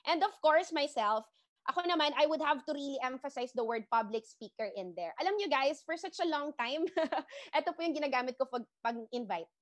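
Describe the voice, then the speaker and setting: A woman with a Filipino accent giving an animated online sales training, switching between English and Tagalog and often checking in with her listeners. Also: sits high, fairly quick, no room sound. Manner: animated, mixing English and Tagalog, frequent rhetorical check-ins. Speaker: network marketing trainer.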